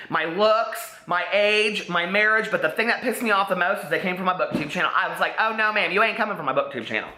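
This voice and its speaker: A chatty book vlogger from Indiana talks casually to the camera about his reading list, his Midwestern American accent carrying a slight Southern drawl. His high-pitched voice is bright and forceful, and his lively, sassy asides come through with noticeable room echo.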